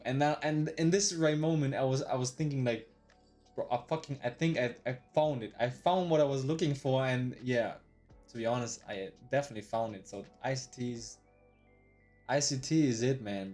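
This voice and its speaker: Speaking in a darkish, medium-pitched voice, a twenty-something day trader rambles casually on his live stream. He leans on slang, swears often, says "bro" constantly, restarts himself, and talks through his earlier thoughts out loud.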